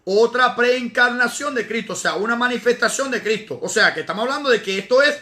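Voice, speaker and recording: A man's voice: extremely high pitch, a little fast, sharp tone. A male evangelist teaching from the Bible in a live stream, emphatic, repeating words for stress and reading verses aloud. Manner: greets viewers by name in between. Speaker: evangelist preacher.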